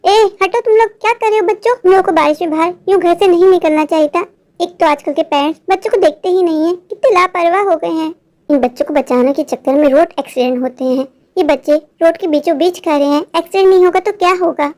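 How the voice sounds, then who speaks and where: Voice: extremely high pitch, fast talker, a little mellow. An irritable grown-man driver in a cartoon, as the performer puts him on, scolding and complaining. He grumbles without a break about careless children and parents. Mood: grumbling.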